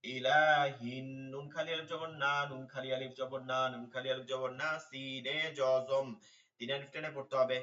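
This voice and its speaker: A man teaching an online Quran lesson, spelling out letters and vowel marks, then reciting verses in a slow chant. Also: medium pitch, fairly even intonation, a bit bright, far from the mic, lo-fi sound.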